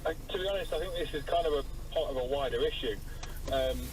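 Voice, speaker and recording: A man's voice: a little high, quick pace. A man calling in to a radio phone-in show, speaking hesitantly with many fillers. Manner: hesitant, filler-heavy, amused. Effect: heard as a caller on a phone line. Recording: distant phone-in line with loud noise.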